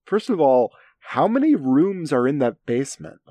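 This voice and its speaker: A man co-hosting a casual film discussion from his home, speaking in hesitant, halting phrases with a creaky voice. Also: fairly high pitch, very animated, warm tone, dry recording. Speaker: podcast co-host. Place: home basement. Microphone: recorded at his end of an internet call.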